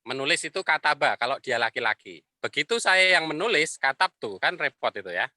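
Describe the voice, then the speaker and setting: A man teaching an Arabic class, explaining patiently and repeating phrases slowly. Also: a little high, animated, pushed and bright, no echo. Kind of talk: online class lecture.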